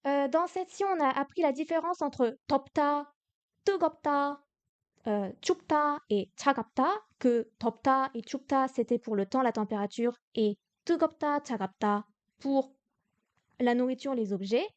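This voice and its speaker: A woman's voice: high-pitched, brisk, dry recording. A young woman teaching Korean to beginners on a livestream, explaining each answer patiently and step by step. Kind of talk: livestream lesson.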